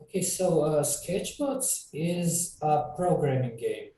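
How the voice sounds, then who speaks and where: A man's voice: on the high side, animated, slow pace, warm tone, echoey room, far from the mic, poor audio. A man from Croatia, a game developer, talking casually in an interview with many fillers and restarts.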